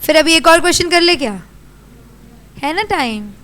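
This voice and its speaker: A young Indian woman teaching a class, brisk and scolding as she quizzes her students. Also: high-pitched, lively intonation, bright, forceful tone. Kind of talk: classroom lecture.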